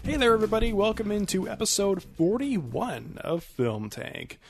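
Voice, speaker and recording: A man's voice: sits high, lively intonation, normal speed, vocal fry, over loud music. A man hosting a film podcast in casual, conversational discussion. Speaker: podcast host.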